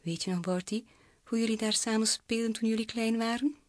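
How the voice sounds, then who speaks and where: A woman reading aloud and voicing a gentle, cautious father bat in a storybook. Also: a little high, steady tone, fairly quick, dry recording, studio quality, natural voice. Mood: fond. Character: older male father bat, kindly and cautious.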